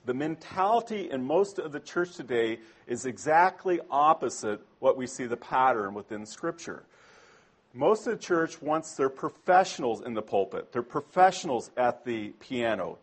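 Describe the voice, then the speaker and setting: A man's voice: medium pitch, breathy edge. A man preaching a sermon to a congregation in a conversational way, often asking them questions.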